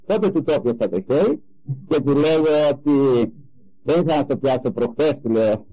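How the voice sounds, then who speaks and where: Older man, high, lively preaching voice. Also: rough recording. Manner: animated, emphatic storytelling. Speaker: religious speaker. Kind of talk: sermon with personal anecdotes.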